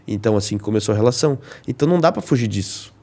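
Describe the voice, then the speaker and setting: A man's voice: fairly low pitch, animated, very fast, a little mellow. A man explaining dog training as a podcast guest, teaching with everyday examples and rhetorical questions.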